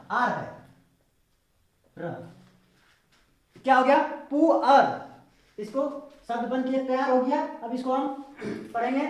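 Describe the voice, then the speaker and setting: A woman with a fairly high voice gives a spoken English lesson, going slowly and spelling each word out letter by letter. She keeps asking whether the viewer has got it. Her voice rings in a very echoey room. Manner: slow, repetitive, spelling words out letter by letter; asks the viewer questions to check understanding. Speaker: English pronunciation teacher.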